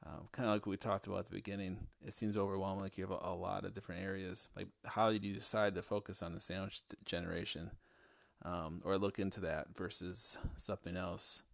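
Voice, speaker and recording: Gravelly casual male interviewer. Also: low voice, level tone, a little fast, no echo. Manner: casual, rambling questions with fillers. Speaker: interview host. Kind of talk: conversational interview questions.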